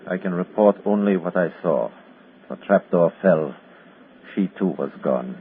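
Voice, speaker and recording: An actor playing a shaken Nazi captain and executioner in a 1940s radio drama, haunted and repeating himself as if giving a report. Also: male voice, sits low, animated. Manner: haunted, halting, repetitive first-person report. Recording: scratchy, muffled 1940s radio broadcast.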